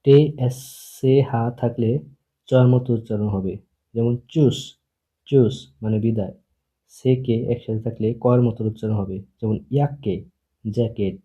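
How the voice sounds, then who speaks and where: A man teaching a beginner German class, slowly and patiently repeating each sound for his students to practice. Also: on the low side, warm tone. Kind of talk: online language lesson. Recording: husky voice over a tinny phone-like line.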